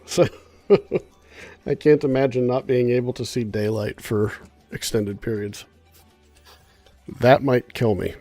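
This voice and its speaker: A man drifts slowly through casual chatter on his gaming livestream, leaving long pauses in a fairly even, mellow, medium-pitched voice. Soft music plays behind the echo-free recording, and his congested, nasal tone suits his relaxed, rambling habit of thinking aloud with fillers.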